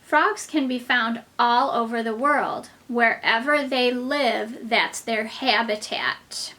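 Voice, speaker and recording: A kindergarten teacher reads a children's book aloud to very young children, her slightly high voice slow, pushed and bright. She adds simple explanations, questions and asides as if reading to a toddler.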